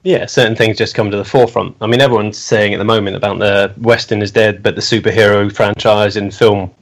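A man's voice: lowish voice, fairly even intonation, fairly quick. A British man chatting casually as a podcast co-host. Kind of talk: casual chat.

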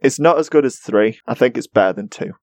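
A man's voice: medium pitch, expressive, fast talker, a little mellow, dry recording. A man co-hosting a podcast in casual chat, enthusiastic and laughing often. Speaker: podcast co-host.

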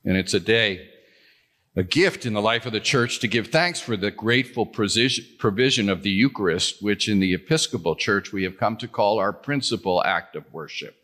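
A man preaching a sermon in church, reflective and gently personal. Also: fairly low pitch, expressive, moderate pace. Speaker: pastor.

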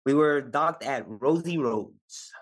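A man's voice: mid-range voice, takes it slowly. Podcast guest: New York Puerto Rican man, casual storyteller, laughs a lot, street slang. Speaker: podcast guest, Navy veteran.

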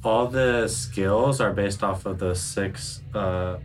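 A man with a fairly low voice chats casually as a tabletop game player. Soft music plays behind him. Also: takes it slowly. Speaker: player explaining game rules. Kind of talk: casual chat.

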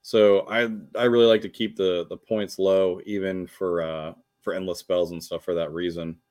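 A man's voice: low voice, little pitch movement, moderate pace, a little mellow. A man co-hosting a casual gaming chat, easygoing and thinking aloud with some fillers. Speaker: co-host of a tabletop wargame talk show.

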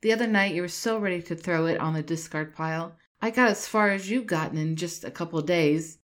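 A woman's voice: on the low side, brisk, lightly acted. A woman voicing a curious, playful young woman amateur detective in a read-aloud story. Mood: eager.

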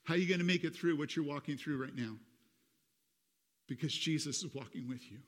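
Animated middle-aged male pastor preaching. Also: brisk, long reverb tail, a little hiss or hum. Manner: animated, rises high and loud when retelling the storm. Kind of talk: sermon.

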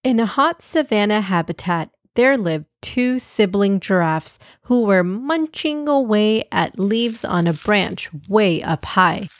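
A woman narrates a children's story with clear, expressive delivery. She speaks slowly, and the recording is dry and close. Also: medium pitch, no room sound.

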